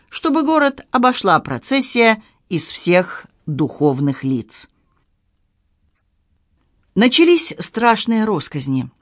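An audiobook narrator reads literary prose in a measured, expressive voice. The pitch sits in the middle range. The sound is dry and close, with no room around it. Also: dry recording.

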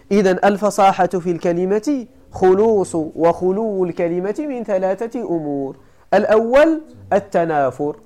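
Moroccan woman teacher, mellow tone, lively pitch, repeats points and quizzes the class. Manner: repeats points and asks the class rhetorical questions. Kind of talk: classroom lecture on classical texts.

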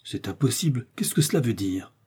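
A man reading the lines of a reckless, hot-tempered hunter, loud and exasperated, in an audiobook. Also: mid-range voice, expressive, a little fast, slightly rough.

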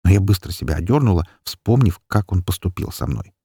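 A man narrating a first-person story in a calm, measured audiobook reading. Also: deep voice, slightly rough, no echo, clean studio sound.

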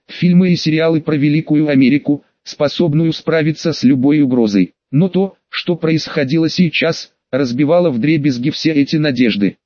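A man reading an audiobook in a steady, dramatic narration style. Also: a little high, no echo. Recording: dull, muffled studio voice recording.

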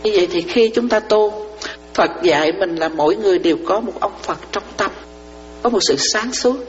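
A woman's voice: mid-range voice, normal speed, soft background music. A woman, a Buddhist nun, giving a dharma talk to lay followers. She explains through parables and often asks whether her listeners understand. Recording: reverberant hall, dull lo-fi sound, faint mains hum.

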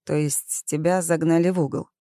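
Brief: female narrator doing a cool, arrogant young man in an audiobook, smug and teasing, low dark tone. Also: level tone, moderate pace, no echo, natural voice. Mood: stern.

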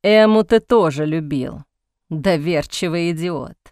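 A woman's voice: medium pitch, unhurried, smooth, no echo, clean studio sound, natural voice. A woman voicing a cynical aristocratic older brother who drawls with mocking sarcasm, in a storybook reading. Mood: cold, contemptuous.

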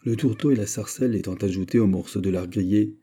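A man reading a classic novel aloud, narrating and acting out the dialogue with lively shifts in voice. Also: fast, slightly rough. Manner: lively, voices characters with raised pitch. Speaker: audiobook reader. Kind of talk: scripted narration with acted dialogue.

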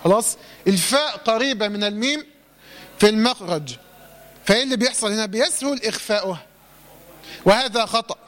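High-voiced Egyptian man teaching recitation. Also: a bit bright, big-room sound. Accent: Egyptian Arabic. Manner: asks questions then answers them, slows to drawn-out recitation for examples. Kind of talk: tajweed lesson with recited examples.

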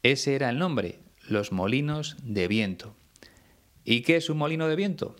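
Slow, careful male Spanish teacher. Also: medium pitch, expressive, a bit bright. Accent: Spain Spanish. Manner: slow, careful, spells out words letter by letter. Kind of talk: slow explanatory lesson.

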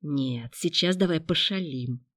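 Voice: medium pitch, measured pace, fairly bright tone, no echo. A reader voicing a predatory young man in an audiobook, with a mocking, jeering delivery. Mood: leering. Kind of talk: audiobook narration.

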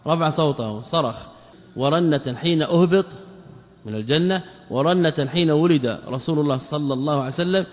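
A man teaching a classical Islamic text, explaining each term and often asking rhetorical questions that he answers himself. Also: a little high. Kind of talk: classical Arabic lecture. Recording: long hall reverb.

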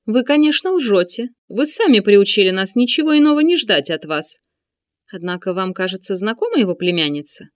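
A woman reading an audiobook, voicing a fat, mocking male eunuch corsair with a shrill, squealing voice. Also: sing-song, a little fast, dry recording, clean studio sound, close to an everyday voice. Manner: mocking, contemptuous.

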